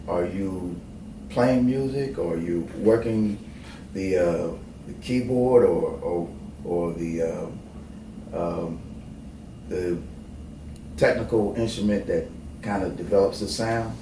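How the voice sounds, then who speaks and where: Hosting an interview, this deep, dark-toned man speaks in a formal, halting manner full of pauses. Born in Bermuda and raised in New Jersey, he is recorded from afar in an echoey room with some faint background noise.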